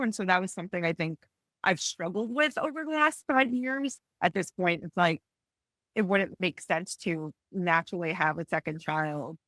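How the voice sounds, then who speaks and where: A woman in her forties sharing a personal story on a panel, tearful and halting, with frequent restarts and apologies. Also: on the low side, fairly bright tone, no echo. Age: 40s. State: tearful, close to crying. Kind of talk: emotional personal testimony on a panel.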